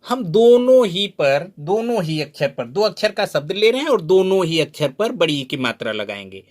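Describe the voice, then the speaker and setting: A man teaching a spoken lesson, sounding out syllables slowly and drawing them out, asking the learner questions as he goes. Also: high voice, big pitch swings, darkish tone. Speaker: Hindi teacher. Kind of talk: slow spoken lesson at a board.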